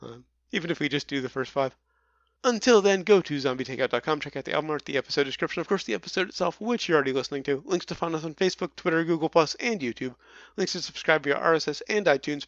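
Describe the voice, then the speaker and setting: Chatty Midwestern man co-hosting a movie podcast; quick, a bit stumbly; dry home-studio sound. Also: fairly high pitch, no echo, lo-fi sound. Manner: chatty, stumbles over words. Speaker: podcast co-host. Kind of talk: casual movie review chat.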